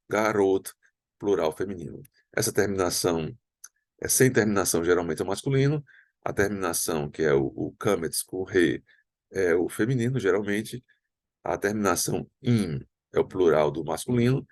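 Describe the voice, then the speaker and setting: A man with a very low voice and a Brazilian Portuguese accent teaches a recorded language lesson. He explains patiently and sounds out words slowly, again and again. The sound is dry and close, with no room around it. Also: no echo. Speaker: Hebrew teacher.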